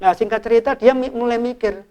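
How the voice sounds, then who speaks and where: A middle-aged man, an evangelist, retelling a Bible parable in an informal, animated way as he draws lessons from it. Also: very high voice, fast, smooth. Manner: animated storyteller, informal, restarts and fillers. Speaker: evangelist and ministry leader. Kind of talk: sermon-style Bible storytelling in a discussion.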